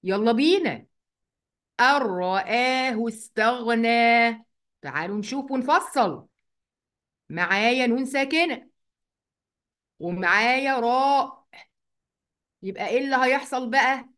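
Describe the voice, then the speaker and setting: A woman with an Egyptian accent teaching an online Quran recitation lesson. She explains each rule step by step, asks the class questions, and draws the recited words out slowly. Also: on the high side, expressive, a bit bright. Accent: Egyptian Arabic. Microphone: computer mic, writing with a mouse.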